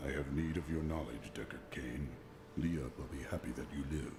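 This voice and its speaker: An actor playing a stern, solemn barbarian warrior in a fantasy game, speaking in formal declarations. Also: male voice, very deep voice, moderate pace, noisy background. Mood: solemn, resolute. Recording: under loud game music.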